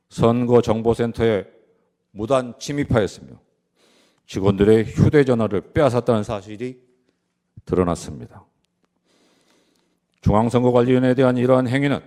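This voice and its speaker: A man gives a formal prepared closing argument as a lawyer, solemn and deliberate, stressing short phrases. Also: medium pitch, dark tone. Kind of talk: formal prepared courtroom speech.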